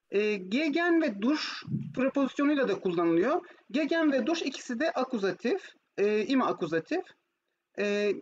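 A woman with a Turkish accent teaching German online, switching between Turkish and German as she explains and asks checking questions. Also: on the high side. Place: online video class with screen share. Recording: muffled, noisy online call audio.

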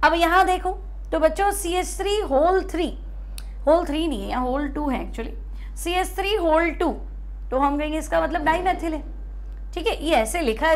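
High-voiced woman teaching chemistry. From India. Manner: explains step by step, repeats terms slowly, asks and answers herself. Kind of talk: classroom lesson on the board.

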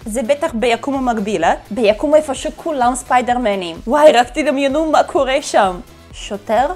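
A woman's voice: high-pitched, animated, darkish tone, soft background music. A woman hosting a casual reaction video, laughing often and exclaiming back at the clips. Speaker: host reacting to funny clips.

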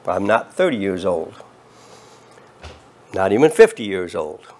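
A man of eighty preaching an earnest, measured sermon from a podium and rising in emphasis on key words. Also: sits low, big pitch swings, darkish tone. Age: 80s. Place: studio set with bookshelves and flags.

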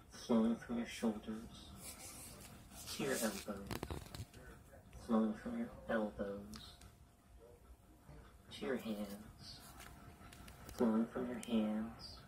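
A man guiding a listener into hypnosis with slow, soothing, repetitive suggestions. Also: lowish voice, distant mic, background noise. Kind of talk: guided hypnosis induction.

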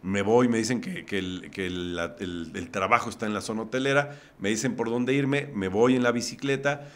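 A man's voice: fairly low pitch, normal speed. A man from Puebla with a Mexican accent, a podcast guest vividly recounting a personal story step by step.

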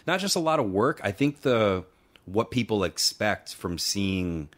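A man's voice: lowish voice, big pitch swings, a little slow, fairly bright tone. A man co-hosting a podcast, chatting in a laid-back way full of fillers. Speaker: podcast co-host. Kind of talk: casual podcast chat.

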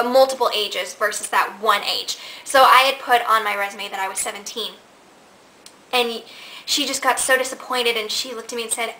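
A woman in her twenties from Nebraska, speaking on the high side, vlogs a casual Q&A from her living room, telling stories to a camera in front of her at desk distance. She is lively and talkative, using her hands as she narrates, and the recording quality is low.

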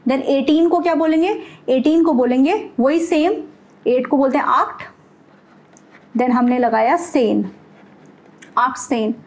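High-voiced woman teaching a lesson. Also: a little slow, long pauses, darkish tone. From India. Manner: asks questions then answers them herself, mixing in English words. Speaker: German language teacher. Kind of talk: explaining a language lesson step by step.

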